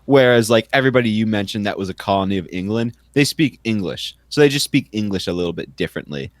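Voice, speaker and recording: Laid-back man with a lively low voice. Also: fast, dry recording, clean studio sound. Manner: laid-back, agreeable, chuckling listener. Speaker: podcast co-host. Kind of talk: casual chat.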